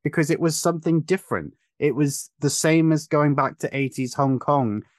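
A man's voice: on the high side, normal speed, dry recording, clean studio sound. A man hosting a podcast, giving long, emphatic, opinionated explanations in casual chat. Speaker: podcast host.

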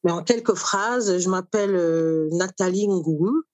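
A middle-aged woman from Cameroon, an author and cook, talking in an interview at a thoughtful pace with many pauses. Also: lowish voice, darkish tone, no echo. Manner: thoughtful, with frequent pauses and fillers. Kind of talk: conversational interview.

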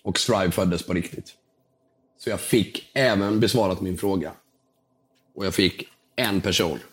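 Young guy, kinda low voice, a bit hoarse, telling a story all animated. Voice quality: slightly hoarse. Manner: lively storytelling, acts out quotes with big jumps in pitch. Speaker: guest storyteller. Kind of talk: animated anecdote on a podcast.

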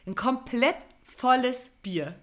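A woman's voice: on the high side, takes it slowly. A woman with a German accent, co-hosting a podcast, telling a story in casual chat and acting out what people said. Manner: animated anecdote telling with quoted voices. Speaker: podcast co-host.

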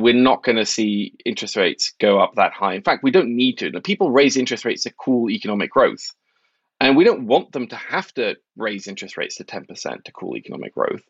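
A man from Norway who covers markets, speaking in a wry, measured, articulate way as an interview guest. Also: medium pitch, breathy edge, no echo, dull audio. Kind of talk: conversational interview.

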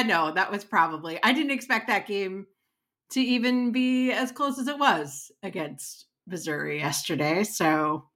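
Bright-voiced chatty woman co-host. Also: fairly high pitch. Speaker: podcast co-host. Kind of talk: casual chat.

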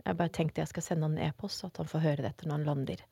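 A woman's voice: sits low, vocal fry, slightly rough, dry recording. A woman guest telling a personal story in a casual interview, acting out what people said, with fillers along the way. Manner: animated storyteller acting out quotes; frequent fillers and laughter.

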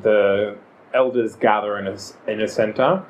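A man running a tabletop game as game master, narrating scenes and slowing into a solemn, measured delivery for formal speeches. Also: lowish voice, steady tone, slight background noise, low-quality recording.

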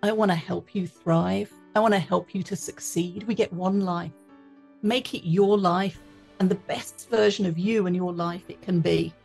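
A woman's voice: on the low side, fairly even intonation, moderate pace, creaky, a little mellow, slightly rough, soft background music. A woman with an English accent, a leadership coach and author talking as a podcast guest in an upbeat, cheerful and playful way. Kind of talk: podcast interview.

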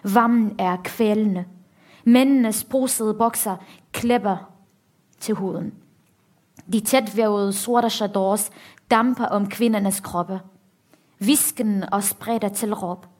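A woman author reading a passage from her book aloud in a steady, grave manner. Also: medium pitch, pauses often.

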